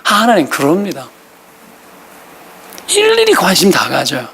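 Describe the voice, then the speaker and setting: A middle-aged man with a Gyeongsang Korean accent, preaching a Sunday sermon as pastor and acting out nagging parents in quick voices. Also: high voice, huge pitch swings, creaky, a bit bright, slight background noise.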